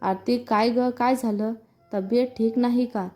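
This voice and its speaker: A woman reading a storybook part as a caring young older sister, fussing over her younger sister in a light, gentle scolding tone. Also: a little high, fairly even intonation, measured pace, soft background music, natural voice.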